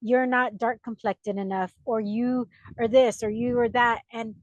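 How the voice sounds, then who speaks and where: Speaking slightly high in a steady, unhurried tone, a young native English speaker hosts a casual podcast interview. She is animated and laughs a lot. The audio is dull, with no room sound.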